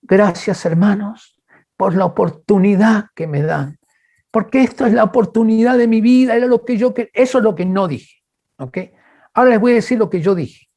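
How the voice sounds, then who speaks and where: A man with a Chilean accent preaching in a webinar, telling personal stories and acting out quoted voices. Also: moderate pace. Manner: animated, acts out quoted voices with big pitch jumps; addresses listeners as brothers, asks okay. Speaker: guest speaker. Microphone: webinar microphone.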